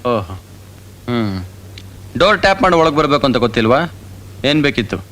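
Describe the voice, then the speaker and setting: An actor playing Ranganath, a proud, cold husband who gives curt commands in a 1990s film drama. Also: male voice, medium pitch, sing-song, brisk, fairly bright tone. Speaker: film character.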